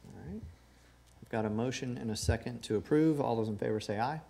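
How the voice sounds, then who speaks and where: A man chairing a council meeting with measured, orderly, formal procedure. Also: mid-range voice, vocal fry, warm tone. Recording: noisy room ambience.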